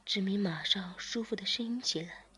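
A woman reading a first-person story in a hushed whisper, slow and airy. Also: medium pitch, slightly rough. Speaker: narrator.

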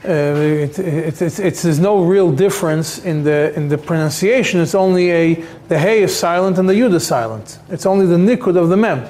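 A somewhat high-voiced man leads a religious text class. He speaks haltingly, circling back and repeating words and fillers as he works through each point. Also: darkish tone. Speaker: rabbi teaching a Talmud class. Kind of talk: explaining halachic texts to a class.

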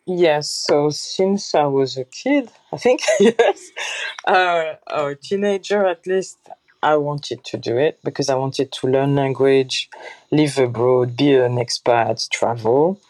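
A woman's voice: deep voice, animated, slow pace, darkish tone, no echo, poor audio. A woman in her thirties from France, speaking English with a French accent as a podcast guest and piecing her sentences together loosely as she goes. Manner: loose, unpolished phrasing as she thinks aloud. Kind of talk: casual interview talk.

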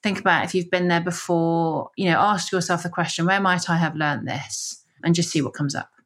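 Low-voiced woman hosting a podcast. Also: steady tone, moderate pace, a bit bright. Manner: reflective, many affirming yeahs. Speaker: coach, podcast co-host. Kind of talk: casual conversational podcast chat.

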